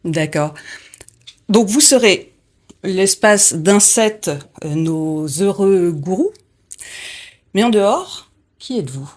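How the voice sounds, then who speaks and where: A woman's voice: medium pitch, animated, slow pace, pauses often, a little mellow. A woman interviewing a band, speaking casually with many hesitations and fillers. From France.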